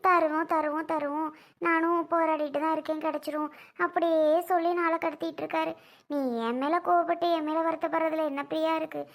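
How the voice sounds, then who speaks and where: A woman playing a gentle elder sister-in-law who pleads softly and tries to soothe. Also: high voice, little pitch movement, a little fast. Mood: pleading.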